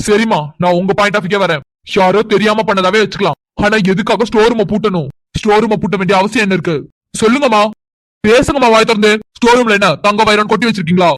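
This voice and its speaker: A man's voice: high-pitched, fairly even intonation, fast, fairly bright tone, dry recording. A man voicing an angry young son in a family cartoon, insistent and confrontational as he demands answers. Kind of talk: Tamil cartoon voice acting.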